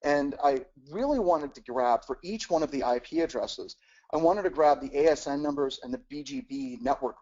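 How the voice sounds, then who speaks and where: A man's voice: a little high, a little mellow, muffled recording. A man teaching in a technical webcast, explaining step by step with frequent "uh"s and repeated words. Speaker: webcast instructor.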